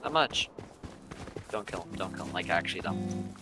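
A man's voice: low voice, big pitch swings, moderate pace, over loud music. A man giving casual callouts to teammates during a game. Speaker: gamer. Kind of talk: rapid gaming callouts. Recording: very noisy game chat with clicks.

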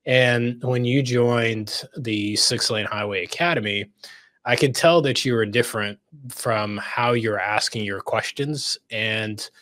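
A middle-aged Egyptian man, host and coach, runs an interview show from his home studio, casually interviewing a guest over video call. He's enthusiastic and likes repeating words for emphasis. His voice is medium-pitched and a bit bright, captured on an arm-mounted studio microphone.

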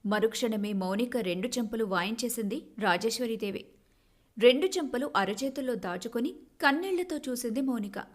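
A woman narrates a family tale in an expressive storybook manner, her voice pitched a little high. The telling is scripted and steady. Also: moderate pace.

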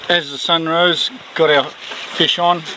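A middle-aged man, calmly narrating a sailing vlog outdoors on a catamaran. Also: fairly high pitch, takes it slowly. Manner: calm, matter-of-fact. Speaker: sailing vlogger. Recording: loud wind and water noise.

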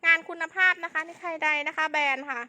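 Woman, very high pitch, bright forceful voice, live-stream seller, fast hype pitch, insistent repetition. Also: steady tone. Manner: insistent, repetitive sales patter.

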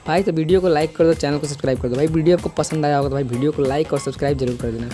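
Mellow, higher-pitched young man. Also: steady tone, rapid-fire. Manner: repetitive, peppers sentences with "bhai". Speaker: tech video host. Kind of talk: casual app tutorial voice-over. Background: background music.

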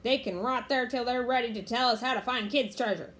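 A woman voicing a gruff, greedy male pirate captain who growls and roars orders, read from a storybook. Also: fairly high pitch, measured pace, a little hiss or hum. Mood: growling. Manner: growling, roaring, shouts orders.

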